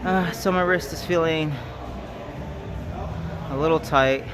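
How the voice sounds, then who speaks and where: A man's voice: a little high, steady tone, takes it slowly, background noise. A man chatting casually and informally on a live stream while climbing at an indoor gym, thinking aloud in short bursts.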